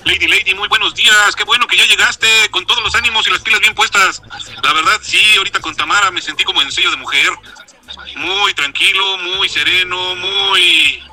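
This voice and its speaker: High, bright-voiced man calling in. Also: moderate pace, low-quality recording. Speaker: caller.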